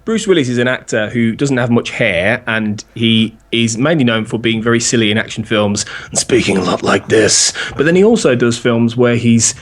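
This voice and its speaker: A man's voice: mid-range voice, normal speed, hardly any pauses. A man, a podcast guest, rambling in casual chat and laughing often.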